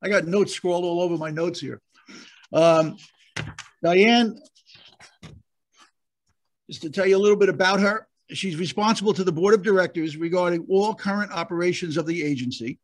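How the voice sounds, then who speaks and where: A man, a county prosecutor, hosting a virtual conference over a video call while losing his voice, speaking haltingly with frequent fillers and restarts. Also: high-pitched.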